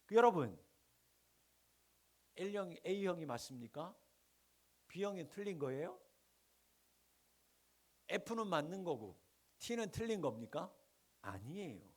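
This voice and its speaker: A middle-aged male pastor from the Gyeongsang region, preaching with rhetorical questions and sharp swings between loud and hushed lines. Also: a little high, big pitch swings, takes it slowly, long pauses. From Gyeongsang region, Korea. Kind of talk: sermon.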